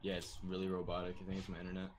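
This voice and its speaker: A man's voice: deep voice, completely flat delivery, racing, a little hiss or hum. A man talking hesitantly over voice chat with a bad internet connection that makes him sound faint and choppy. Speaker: player being coached. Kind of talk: voice chat during online game. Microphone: heard through online voice chat.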